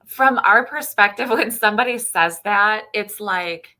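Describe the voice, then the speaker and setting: A woman chiropractor chatting casually, telling patient stories and acting out their lines with lively emphasis. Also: mid-range voice, measured pace, low-quality recording. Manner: animated storyteller, acts out patient dialogue. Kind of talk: casual chat.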